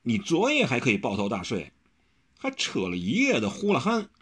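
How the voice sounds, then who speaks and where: A man voicing a petulant, sharp-tongued young swordsman who fusses, whines and protests. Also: on the high side, huge pitch swings, slightly rough, pitched above the performer's own voice, full character voice. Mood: indignant. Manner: fussy, whiny, quick to protest.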